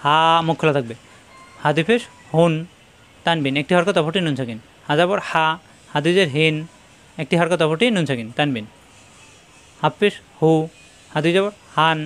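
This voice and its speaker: A man's voice: on the high side, expressive, normal speed, pauses often, fairly bright tone. Patient man drilling letter sounds. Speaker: Quran reading teacher. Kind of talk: spelling-out recitation lesson.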